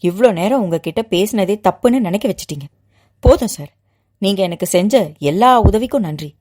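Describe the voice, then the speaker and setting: A woman's voice: mid-range voice, animated, a little fast, mellow, close to an everyday voice. A woman narrator voicing a proud young widowed mother who speaks in a heated, agitated, insistent way.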